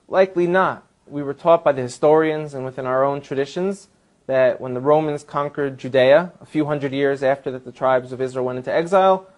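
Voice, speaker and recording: A man with a slightly raised pitch answers as a guest in a long, earnest explanation. He builds his case point by point in a steady lecture-like way. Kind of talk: explanatory talk.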